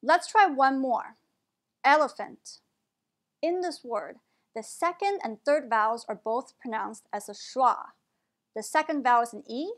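A woman teaching English pronunciation in a slow, clear lesson style, carefully modeling each word. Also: a little high.

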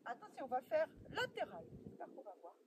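A woman training a horse outdoors, giving short coaxing commands and soothing it, often in a hushed voice, picked up by a camera at a distance. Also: high-pitched, wildly swooping pitch, a little fast, noisy background. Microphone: camera mic at a distance.

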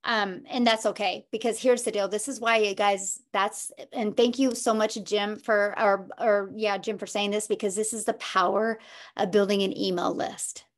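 A woman hosting a live call over a video link, upbeat and encouraging, talking quickly and warmly to her audience. Her voice sits at a medium pitch. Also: fairly even intonation. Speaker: host.

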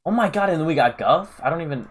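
A man's voice: a little high, expressive, fast talker, breathy edge. A young man casually live-streaming a game, rambling to his chat with lots of fillers, calling out viewers' names and saying "bro".

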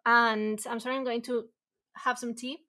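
A native Spanish speaker chats while she draws on a stream, sitting in a room at home. She speaks at normal speed with a fairly high, sharp voice that moves little in pitch. Her talk meanders, with plenty of fillers, restarts, and self-mocking laughs.

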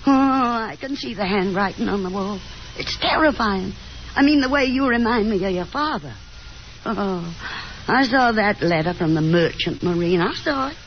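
Heard on a dull, noisy 1950s radio broadcast, an actress voices a fussy, insistent Southern mother of middle age, nagging and fretful in an anxious, reproachful mood. She speaks in a medium pitch with lively intonation at a moderate pace, close to an everyday voice, in classic radio drama style.

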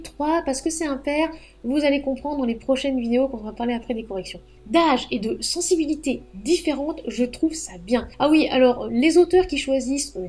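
Woman, writing advice vlog, chatty and emphatic, fairly high, mellow tone. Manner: chatty, emphatic, frank asides. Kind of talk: casual advice monologue to camera.

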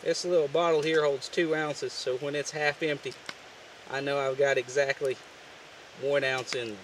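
A man casually showing a homemade camp stove outdoors, talking in a relaxed, folksy way with many fillers. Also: medium pitch, normal speed, distant mic, slight background noise. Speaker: outdoor gear vlogger. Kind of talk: casual how-to demonstration. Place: outdoors on the ground, off camera.

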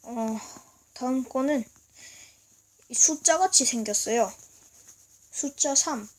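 A woman giving a casual video lesson, explaining slowly and haltingly and often clearing her throat. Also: sits high. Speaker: language teacher. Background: noise from outside.

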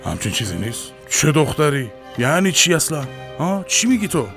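A man's voice: fairly high pitch, very animated, fairly bright tone, faint music behind. A man dubbing a middle-aged husband with a sore throat, defensive and exasperated under accusation. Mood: indignant. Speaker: husband in family drama. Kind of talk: Persian dub of a TV drama.

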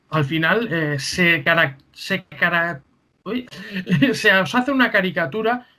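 A man in his thirties hosting a video call interview, putting brisk, leading questions to his guest. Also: on the high side, sharp tone. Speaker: host.

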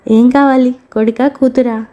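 A woman voicing a young village wife in a read-aloud story, speaking her lines softly and plainly. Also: high-pitched, fairly even intonation, moderate pace, muffled recording, natural voice. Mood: tender. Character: young village wife Bala, anxious then tender.

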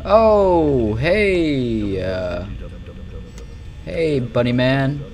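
This young adult streamer's medium-pitched voice is expressive, a little mellow, and extremely slow, with a faint hiss or hum behind it. Playing a horror game, he rambles casually in live commentary, jumpy and exclamatory, swearing now and then.

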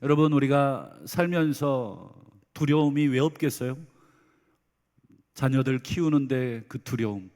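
Korean pastor preaching in a reverberant hall. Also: male voice, mid-range voice, measured pace. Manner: animated, acts out parents' and children's voices. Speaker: senior pastor. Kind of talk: sermon. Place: church sanctuary.

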